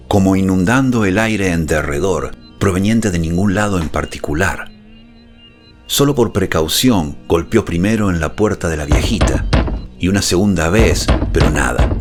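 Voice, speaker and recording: A man narrating a scripted suspense horror story in a measured, dramatic way, speaking intimately close to the ear. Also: deep voice. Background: music behind the voice.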